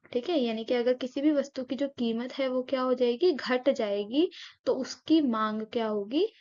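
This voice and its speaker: A woman's voice: on the high side, darkish tone, dull audio. A woman teaching an economics lesson, often asking rhetorical questions, answering them herself and checking in with her students. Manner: keeps checking in with "okay?".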